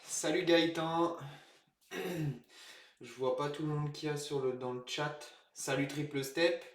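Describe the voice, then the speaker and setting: A man's voice: a little high, steady tone, takes it slowly, reverberant. A man casually chatting on a live stream as he opens trading card boxes, greeting viewers in the chat and laughing at himself.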